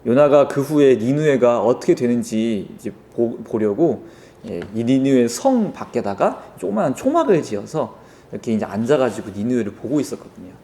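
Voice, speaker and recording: Young guy preaching to kids, mellow voice, really animated up and down storytelling. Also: medium pitch, moderate pace. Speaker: children's ministry pastor. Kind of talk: children's sermon.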